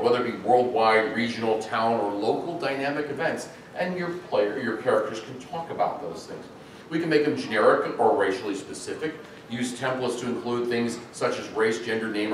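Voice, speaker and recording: Middle-aged man, conference speaker, casual and animated, heard from far back in a reverberant hall. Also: mid-range voice. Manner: animated, chatty, with frequent ums and uhs. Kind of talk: technical conference talk. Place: large echoey conference hall. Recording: echoey hall, distant mic, faint noise.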